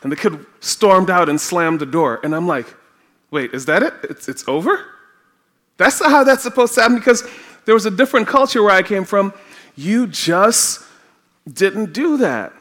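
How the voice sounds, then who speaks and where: Speaking in a high, somewhat bright voice with lively intonation, a Trinidadian man with a Trinidadian accent preaches in a church sanctuary, slowly recounting personal stories and laughing often.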